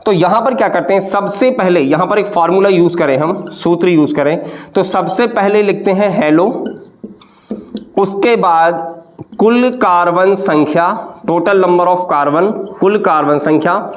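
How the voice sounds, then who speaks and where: A high-pitched man teaches a chemistry class at a measured pace in a classroom lecture. He is patient with his students, often asking them questions in return and repeating their answers.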